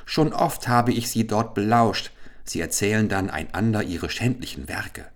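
A man's voice: on the low side, moderate pace, natural voice. A man voicing a lonely, sorrowful enchanted owl princess in a storybook reading, speaking in a plaintive, pleading way.

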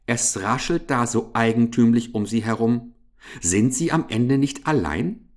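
A man's voice: medium pitch, a little slow, natural voice. A man voicing a fat, stingy male hamster who grumbles, blusters and complains. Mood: blustering. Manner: grumbling, blustering, self-pitying.

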